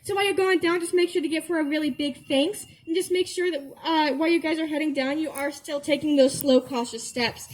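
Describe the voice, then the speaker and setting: A woman's voice: high-pitched, fairly even intonation, brisk, few pauses. A woman giving a rehearsed, informal tour talk as a guide. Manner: informal, instructive.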